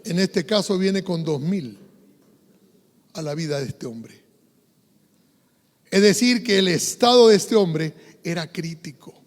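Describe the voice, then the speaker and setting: A male pastor with an Ecuadorian Spanish accent preaching a sermon, moving between hushed passages and fervent, loud ones. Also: high-pitched, slow pace, long pauses. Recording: long hall reverb.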